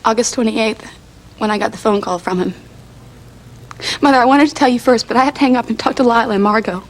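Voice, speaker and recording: A woman's voice: on the high side, fast, low-quality recording. An actress playing an overjoyed young woman in a 1980s daytime soap, breathless and laughing through tears, heard from an old VHS tape recording. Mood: earnest. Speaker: soap opera character, a young wife.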